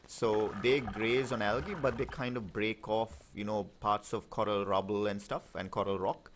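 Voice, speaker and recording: A man's voice: lowish voice, fairly even intonation, normal speed, a little hiss or hum. A man from Sri Lanka, commenting on underwater footage of a live stream in an explanatory way, with many fillers and restarts. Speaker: marine life commentator.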